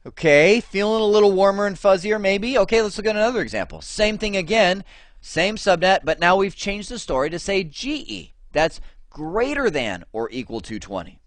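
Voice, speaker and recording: A male instructor lectures over slides with a lively, up-and-down voice that sits a touch high for a man. He keeps it chatty and keeps quizzing the viewer. The sound is close and dry, with no room around it. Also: normal speed, dry recording. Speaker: networking instructor.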